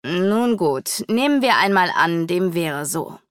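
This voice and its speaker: A woman's voice: fairly low pitch, animated, slow, clean tone, no echo, clean studio sound. A woman reading a doubtful, questioning sage in an audiobook. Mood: skeptical.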